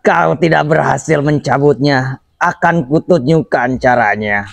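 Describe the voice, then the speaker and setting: A man's voice: medium pitch, measured pace, gravelly, no echo, low-quality recording. A young man playing a mysterious old beggar grandfather, stern and righteous, speaking in a solemn, declamatory way in a school drama. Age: young adult. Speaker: student actor.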